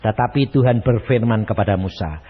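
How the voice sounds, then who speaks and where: A man preaching a sermon, animated and acting out dialogues. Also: lowish voice, brisk. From Indonesia. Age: 80s. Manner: animated, acts out dialogues in a shifting voice. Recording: dull lo-fi sermon recording.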